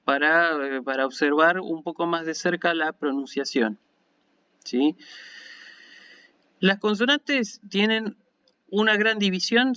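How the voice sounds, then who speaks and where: A man's voice: high voice, sharp tone, smooth. Patient Argentine male lecturer, dull audio. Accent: Argentine Spanish. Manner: patient and explanatory, often checking in with listeners. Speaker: university lecturer in Ancient Greek. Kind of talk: online lecture. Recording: dull lo-fi recording.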